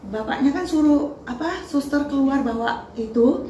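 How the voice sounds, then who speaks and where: A woman's voice: sits high, moderate pace, warm tone, echoey room, highs cut off, a little hiss or hum. A woman gives reporters a first-person account of a painful event. She acts out the dialogue as she retells it. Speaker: bereaved parent speaking to reporters.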